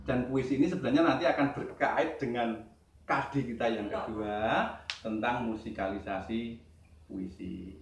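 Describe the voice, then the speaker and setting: A man's voice: mid-range voice, a little hiss or hum. Male teacher in an echoey room. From Central Java, Indonesia. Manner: talks slowly, stresses key words, asks the class questions. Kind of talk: classroom lesson. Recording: roomy echo, voice from a distance.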